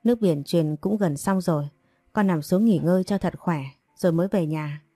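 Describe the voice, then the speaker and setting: A woman voicing a caring middle-aged mother who gently soothes her family in an audio story. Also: fairly low pitch, moderate pace, no room sound, natural voice. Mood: soothing.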